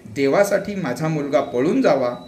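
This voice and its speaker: A man voicing a loving village mother who speaks softly and gently, comforting her son. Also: a little high, lively intonation, normal speed. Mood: gentle, loving. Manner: soft, gentle and consoling. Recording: echoey room with faint music.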